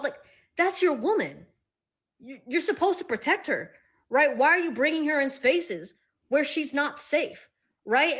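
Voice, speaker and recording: A woman giving a blunt, profane, emphatic rant straight to camera as a social media commentator. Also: fairly high pitch.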